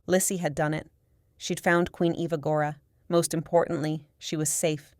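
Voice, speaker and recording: A woman narrating a first-person audiobook in a steady, measured storytelling manner. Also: deep voice, no room sound, clean studio sound.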